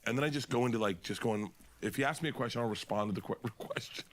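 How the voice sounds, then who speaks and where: A comedian telling stories in casual podcast chat, rambling and animated, laughing and swearing as he goes. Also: mid-range voice, fast. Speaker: comedian guest.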